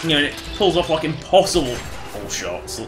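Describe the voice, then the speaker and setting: Animated man doing casual game commentary. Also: on the high side, normal speed. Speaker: game livestreamer. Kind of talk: casual rambling gameplay commentary. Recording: roomy echo, faint game music behind.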